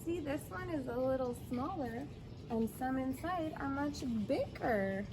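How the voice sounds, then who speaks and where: Her high-pitched voice has lively intonation and an unhurried pace as she reads a picture book to small children. The woman, in her thirties or forties, draws words out expressively and adds simple questions and asides. It's recorded outdoors in a fenced backyard with clear background noise.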